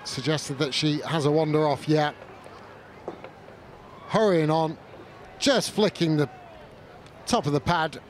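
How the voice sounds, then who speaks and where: Man, cricket co-commentator, light pitch, calm analysis, faint crowd noise. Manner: measured analysis, rising to shouts at wickets. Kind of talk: live sports analysis. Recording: commentary mic with stadium crowd behind.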